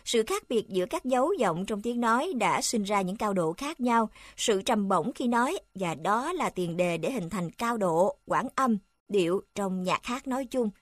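A woman reading a textbook aloud in an even, formal manner, speaking the section headings too. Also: mid-range voice, moderate pace, hardly any pauses, dry recording.

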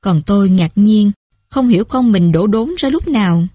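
Woman calmly reading a story. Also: mid-range voice, moderate pace, no echo, clean studio sound. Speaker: story reader. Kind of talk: storytelling narration.

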